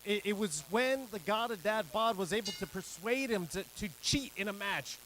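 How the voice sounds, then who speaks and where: Very high-pitched male wrestling commentator. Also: expressive, moderate pace, a bit bright, slight background noise. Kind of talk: live sports commentary.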